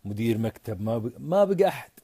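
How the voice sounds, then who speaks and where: A man's voice: mid-range voice, sing-song, fast talker, dark tone, breathy edge, no echo. A man voicing a desperate merchant pleading to get his money back. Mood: exasperated. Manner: pleading, exasperated. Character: desperate, exasperated male merchant owed money.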